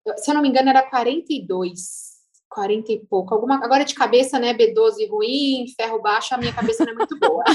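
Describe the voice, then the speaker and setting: A woman with a Brazilian Portuguese accent, a speech therapist telling her own story as a guest in a casual interview, chatty and lively, laughing now and then. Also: a little high, a little fast, slight background noise.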